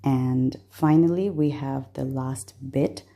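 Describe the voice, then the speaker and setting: A woman's voice: very deep voice, fairly even intonation, takes it slowly, mellow. A woman from Bangladesh, a medical student walking through exam concepts step by step, patient, with frequent fillers.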